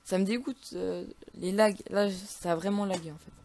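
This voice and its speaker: A woman's voice: mid-range voice, steady tone, normal speed, a little mellow, slight background noise. A woman with a French accent casually commentating her own video game play, full of frustrated outbursts and stumbling restarts.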